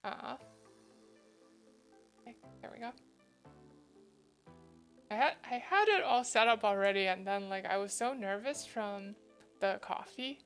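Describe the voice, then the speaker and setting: A woman's voice: mid-range voice, animated, a little slow, pauses often, a bit bright, soft background music. A woman chatting casually on a livestream in a cute, flustered anime-streamer manner, thinking aloud and muttering to herself as she goes. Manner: scattered, self-interrupting, mutters to herself. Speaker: livestreamer drawing fan art. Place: indoor streaming setup.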